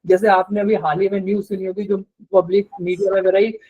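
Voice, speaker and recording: A man with a fairly high voice moderates an online webinar. He speaks hesitantly and fills his pauses. He talks into a video call microphone. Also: little pitch movement, a little mellow, muffled recording. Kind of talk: webinar talk.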